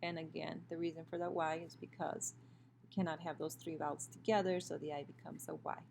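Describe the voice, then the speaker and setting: A woman's voice: low voice, little pitch movement, a little fast, creaky, a little mellow, slight background noise. A woman teaching a recorded Spanish grammar lesson over a screen share, explaining patiently with fillers and self-corrections. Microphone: computer mic for a screen recording.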